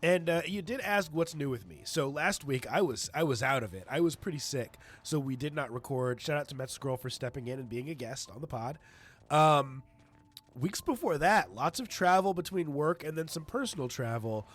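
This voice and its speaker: A man's voice: fairly high pitch, expressive, normal speed. A middle-aged man hosting a podcast in a casual, conversational style. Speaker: podcast host.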